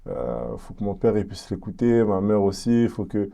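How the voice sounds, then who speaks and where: A young man from French Guiana with a French Guianese accent, a rapper chatting in an interview in a relaxed, hesitant way with many fillers. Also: on the low side, normal speed, gravelly, crowd noise. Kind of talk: casual interview chat.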